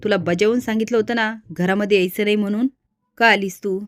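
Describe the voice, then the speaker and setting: A woman narrator voicing a stern, powerful older father who shouts commands. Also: mid-range voice, fairly even intonation, brisk, no room sound, clean studio sound, natural voice.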